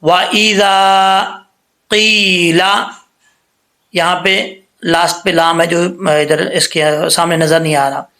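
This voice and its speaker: A man teaching tajweed rules step by step, patient and repetitive, often checking "theek hai?" and slowing down to recite the examples. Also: fairly high pitch, level tone, fairly bright tone. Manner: slows to drawn-out recitation for examples.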